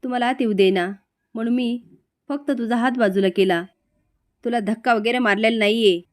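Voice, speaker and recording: Firm young woman, fed up but steady, read by a woman with a fairly high voice. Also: moderate pace, close to an everyday voice. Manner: exasperated, firm.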